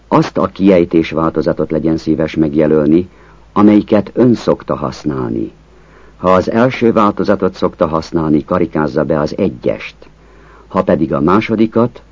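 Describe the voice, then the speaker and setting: A man reading out a pronunciation test, saying each word slowly and deliberately and giving instructions in a formal read-aloud style. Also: a bass voice, a little mellow, husky, dry recording, lo-fi sound. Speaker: test reader.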